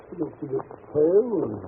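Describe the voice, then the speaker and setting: A man's voice: on the high side, vocal fry, exaggerated voice. A man playing an affable, bumbling British doctor, stammering and blustering, in an old-time radio drama. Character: detective's bumbling, affable, gentlemanly doctor companion. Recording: tinny, hissy vintage radio recording.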